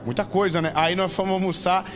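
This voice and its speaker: High-voiced Brazilian preacher, impassioned. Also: male voice, brisk. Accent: Brazilian Portuguese. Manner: swings from calm teaching to loud impassioned repetition. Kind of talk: sermon.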